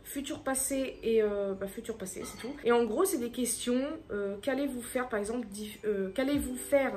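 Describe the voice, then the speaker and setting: A woman's voice: on the high side, moderate pace, darkish tone, slight background noise. A woman chatting casually to her vlog audience at home, rambling and tripping over her words. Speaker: vlogger. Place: at home indoors.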